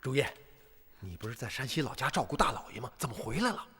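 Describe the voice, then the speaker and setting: An actor playing a bold young male officer who interrogates a captive and gives steady commands in a period TV drama. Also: mid-range voice, fast, breathy edge, exaggerated voice. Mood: steady, commanding. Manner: menacing when interrogating, steady and commanding otherwise. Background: music score.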